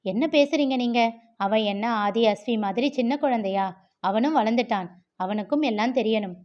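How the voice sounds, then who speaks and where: A woman voicing a gentle but firm young mother in a read-aloud novel, earnest and persuasive, on a slightly dull recording. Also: fairly high pitch, fairly quick, close to an everyday voice. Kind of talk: storybook character reading.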